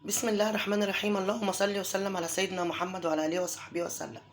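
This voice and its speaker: An Egyptian woman hosting a home cooking tutorial, her voice hoarse from a cold, showering her viewers with affectionate blessings. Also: medium pitch, level tone, racing, a little hiss or hum. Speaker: home cooking channel host.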